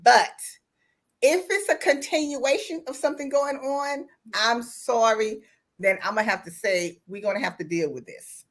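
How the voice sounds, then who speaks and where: A woman's voice: on the high side, normal speed. An older woman with a Southern US accent, hosting a casual talk show and telling stories with lots of fillers. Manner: animated storytelling with many fillers. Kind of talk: casual chat.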